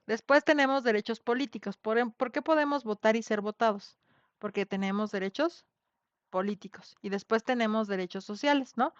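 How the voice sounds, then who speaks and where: A woman with a Mexican accent talks through an online class casually, putting questions to students and using tag questions to check in. She speaks at a normal speed in a slightly high voice. The audio has no echo but sounds dull and lo-fi.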